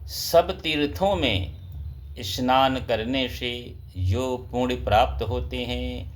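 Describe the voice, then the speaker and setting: A man's voice: medium pitch, slow, a little hiss or hum. A man giving a devotional scripture discourse as a pandit, speaking reverently and chanting Sanskrit verses.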